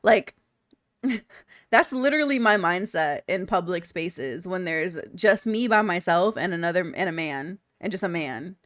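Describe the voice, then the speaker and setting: A woman's voice: lowish voice, expressive, measured pace, no room sound. A young woman streaming live, chatting candidly with her viewers, blunt and laughing often. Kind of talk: casual chat reading viewer comments.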